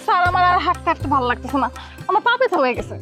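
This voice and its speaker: A shrill headstrong young wife. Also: female voice, very animated, rapid-fire, music in the background. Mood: defiant. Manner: complaining, talking back.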